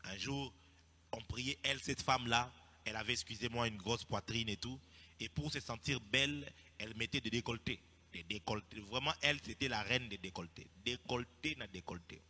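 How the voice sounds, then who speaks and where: Husky, bright-voiced preacher in a hall. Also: male voice, mid-range voice, a little fast. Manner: swings from hushed storytelling to loud emphatic preaching. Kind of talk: sermon teaching.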